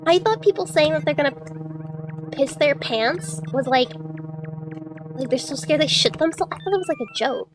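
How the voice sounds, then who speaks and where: A woman's voice: high voice, lively intonation, normal speed, pauses often, over music. A young adult woman streaming a game as a VTuber, chatting casually, swearing freely and breaking into giggles. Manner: giggly, breaks into fits of laughter. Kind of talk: casual live-stream gameplay chat.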